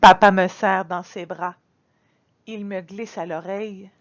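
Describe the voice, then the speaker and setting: A woman reading a children's picture book aloud in an expressive, dramatic storytelling manner. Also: mid-range voice, a little slow, highs cut off. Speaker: storybook reader.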